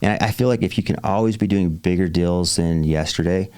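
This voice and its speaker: Man, forties, deep voice, dry close sound, enthusiastic, casual storytelling, podcast guest. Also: brisk, a little mellow, clear, resonant tone, no room sound. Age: 40s. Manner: enthusiastic, upbeat storytelling with frequent fillers. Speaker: real estate investor guest. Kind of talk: podcast interview.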